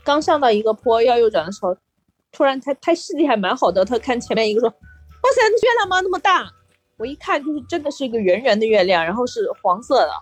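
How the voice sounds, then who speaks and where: A woman with a high, slightly rough voice co-hosts a casual talk show. Her pitch swings widely as she chats and acts out snatches of dialogue in an animated, storytelling way. Music plays behind her. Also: fast, no echo. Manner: animated anecdote telling, quoting dialogue. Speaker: co-host of a chat show.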